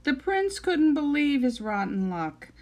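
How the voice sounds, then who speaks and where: Animated woman reading a children's storybook. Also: sits high, a little slow.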